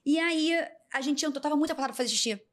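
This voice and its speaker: Young carioca woman telling a wild story, kinda high voice, acts everyone out. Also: rapid-fire. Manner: animated, acts out the people in her story. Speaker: podcast guest, DJ. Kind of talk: casual storytelling in an interview.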